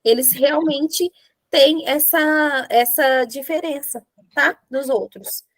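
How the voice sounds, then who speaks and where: A Brazilian Portuguese-accented woman teaching English grammar with playful, animated explanations. Her voice sits high, and the sound is dry and close with no room around it. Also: slow, no room sound. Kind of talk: classroom grammar lesson.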